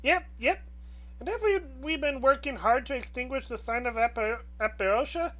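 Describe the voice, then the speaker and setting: A woman's voice: high-pitched, moderate pace, fairly bright tone. A woman voicing a small, eager fairy companion from a video game, chirpy, bouncy and childlike. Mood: encouraging.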